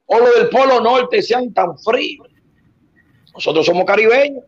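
A man telling a comic story in an animated way, acting out voices and shouting punchlines. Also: very high voice, measured pace, breathy edge. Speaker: guest. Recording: dull lo-fi sound.

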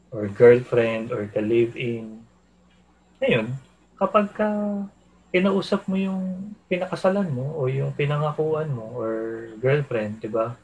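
A man's voice: mid-range voice, a little mellow, low-quality recording. A man co-hosting a casual talk show, easygoing and slipping English phrases into his Tagalog. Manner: easygoing, mixes English into Tagalog, laughs often. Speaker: podcast co-host. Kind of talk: casual chat.

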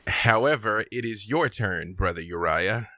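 A man's voice: fairly low pitch, lively intonation, measured pace, bright, forceful tone, no room sound. A man narrating a tabletop game as the game master, moving between story description and rules.

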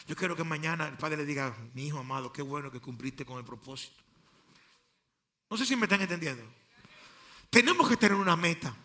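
A male pastor preaching an impassioned sermon, swinging between quiet passages and loud outbursts. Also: fairly high pitch.

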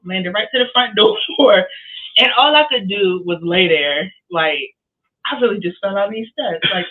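Heard through a tinny, phone-like line, a woman co-hosts a podcast, trading casual stories and laughing often. She speaks at a normal speed in a mid-range voice with lively intonation and a breathy edge.

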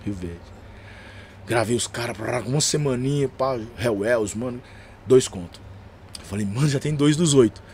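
A man with a São Paulo accent, a gospel rapper and preacher telling stories as a podcast guest, slangy and animated, acting out the dialogue. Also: medium pitch, moderate pace, long pauses, a little hiss or hum. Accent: São Paulo Portuguese. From São Paulo, Brazil. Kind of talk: casual storytelling chat.

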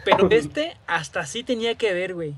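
A man co-hosting, giving excited, slangy reactions in casual chat. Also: sits high, normal speed, a loud crowd. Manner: excited, laughing slangy banter. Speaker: co-host.

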